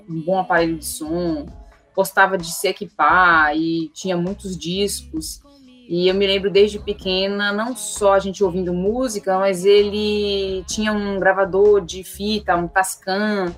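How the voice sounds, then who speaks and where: Woman, musician guest, thoughtful and halting, faint music underneath. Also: lowish voice, a bit bright. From Salvador, Bahia, Brazil. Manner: halting, many repeated words and restarts. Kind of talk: reflective interview talk.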